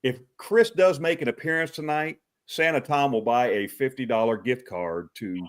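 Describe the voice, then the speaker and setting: A Texan man with a medium-pitched voice and moderate pace hosts a casual livestream talk show. He's friendly, welcoming viewers by name, often calling them brother, with frequent chuckles.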